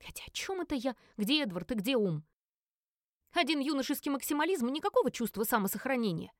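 A woman narrates a first-person novel with wry, animated storytelling. Her voice sits fairly high and swings widely in pitch. The sound is dry and close. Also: fast, no room sound. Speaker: audiobook reader.

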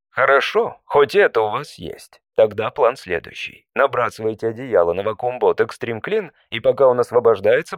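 A man voicing an automated customer support phone menu in a comic audio story, politely deadpan with measured scripted prompts. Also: mid-range voice, no room sound, clean studio sound, lightly acted. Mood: deadpan, exasperated.

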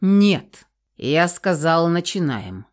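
A woman's voice: on the low side, very animated, slow. A woman reading an audiobook, voicing a stern, determined young man who gives cold, clipped orders. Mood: insistent. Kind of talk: audiobook character voice.

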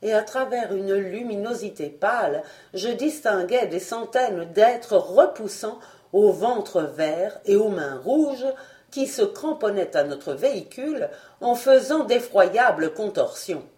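A woman reading an audiobook aloud as scripted narration, measured and expressive. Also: medium pitch. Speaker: audiobook reader.

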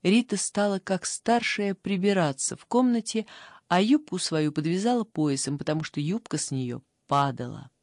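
A woman reading a fairy tale aloud as a calm, even audiobook narrator. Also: on the low side, normal speed, no room sound, studio quality. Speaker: audiobook reader. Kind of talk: scripted narration.

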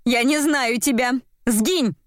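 A woman's voice: mid-range voice, moderate pace, no echo, studio quality, natural voice. A woman voicing a hysterical actress who shrieks in panic in an audiobook. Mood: panicked shrieking. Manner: screaming, panicked.

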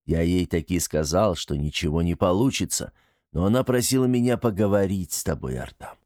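A gloomy, deferential old tribesman played by a male audiobook narrator. He speaks in a very low, dark voice, subdued and hesitant, with a mournful, bashful manner. The sound is close and dry. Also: lively intonation, a little fast, no room sound. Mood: resigned. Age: older.

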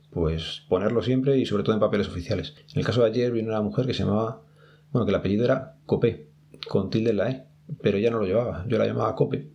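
Mellow low-voiced Spanish man. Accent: Spain Spanish. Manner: chatty, advising listeners directly. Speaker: podcast host working at an ID card office. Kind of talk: casual explanatory monologue.

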